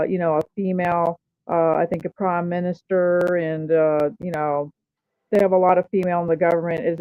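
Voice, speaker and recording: A woman in her fifties from Japan talks as a guest, halting and full of fillers. Her audio is dry and dull, like a lo-fi remote line. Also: on the low side, a little mellow, smooth, no room sound. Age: 50s. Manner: halting, many fillers and restarts. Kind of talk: casual talk show interview.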